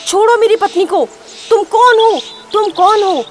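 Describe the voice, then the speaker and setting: A woman voicing a frightened young husband who shouts in panic, over background music. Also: extremely high pitch, measured pace, a little hiss or hum, pitched above the performer's own voice. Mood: alarmed. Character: frightened young husband defending his family.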